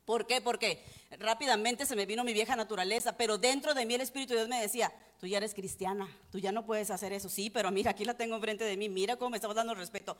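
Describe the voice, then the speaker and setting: A woman's voice: medium pitch, fairly even intonation, fast talker. A middle-aged woman pastor, giving an earnest, confessional testimony sermon. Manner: earnest, confessional, rising and falling with emotion.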